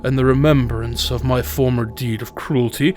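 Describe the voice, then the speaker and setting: A man playing a tormented narrator confessing dark deeds in a theatrical, formal, deliberate reading of a gothic horror story. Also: mid-range voice, steady tone, natural voice. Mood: bitter, disgusted. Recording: music behind the voice.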